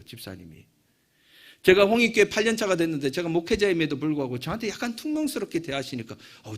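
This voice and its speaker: A male pastor telling a story in a sermon, dropping to hushed asides and rising into fervent prayer. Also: a little high, slightly rough.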